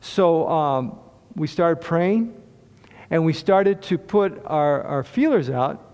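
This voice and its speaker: A man's voice: a little high, animated, slow, a little mellow. Man preaching in a reverberant hall. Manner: conversational storytelling with repeated restarts. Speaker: lay preacher sharing testimony. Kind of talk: sermon testimony.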